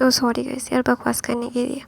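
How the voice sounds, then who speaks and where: Chatty woman with a gravelly voice. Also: on the high side, monotone, fairly quick, low-quality recording. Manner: chatty, with many fillers. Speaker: fanfiction storyteller. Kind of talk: casual story retelling.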